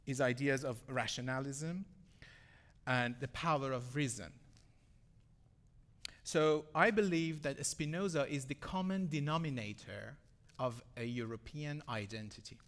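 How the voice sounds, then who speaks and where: A young man from Iran, an English speaker, giving an earnest prepared talk with measured pauses and fillers. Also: medium pitch, a bit bright. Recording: long hall reverb.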